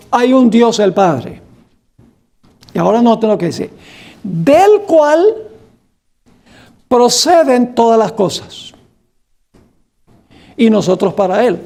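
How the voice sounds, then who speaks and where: A man's voice: very high-pitched, gravelly, darkish tone. A man preaching a Bible study, reading scripture aloud with emphasis and quizzing his congregation with questions. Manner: slow and deliberate, quizzing the congregation. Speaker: pastor.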